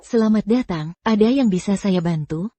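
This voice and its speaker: A woman's voice: mid-range voice, expressive, moderate pace, warm tone, no echo, close to an everyday voice. A woman playing a courteous shop assistant in a dubbed drama, with a polite customer service manner. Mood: polite, helpful. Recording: background music.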